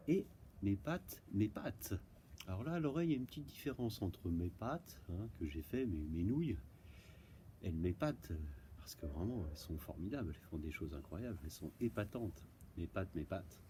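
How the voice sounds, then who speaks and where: A man's voice: sits low, mellow, slight background noise, rough recording. A man with a French accent, a primary school teacher going over homework answers for pupils at home, patiently spelling words letter by letter. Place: outdoors, windy.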